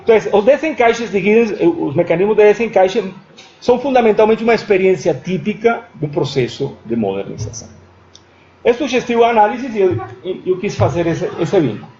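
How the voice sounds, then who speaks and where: Guy lecturing at a uni, kinda high voice, keeps asking "certo?", muffled lo-fi recording. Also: sing-song, brisk, dark tone, a little hiss or hum. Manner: checks in with "certo?" after points; thinks aloud with restarts and repeated words. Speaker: guest lecturer. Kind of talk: academic lecture. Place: university lecture room. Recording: dull lo-fi recording.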